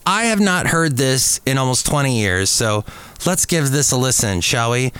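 A middle-aged man hosting a podcast, casually reminiscing about his old radio days in an unhurried storytelling way. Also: medium pitch, animated, heavy background noise. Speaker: podcast host. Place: café.

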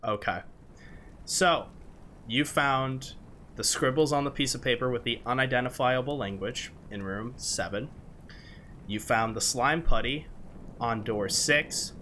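A man narrating as game master of a tabletop game, loose and halting, with many fillers. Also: medium pitch, pushed and bright, slight background noise.

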